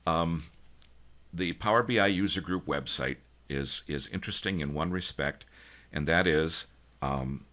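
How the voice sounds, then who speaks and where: A man with an extremely deep voice hosts an online meeting over a video call. His tone is bright and forceful despite the low pitch. He talks in a folksy, joking way with plenty of ums and restarts. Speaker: user group organizer and host. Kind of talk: casual online meeting presentation.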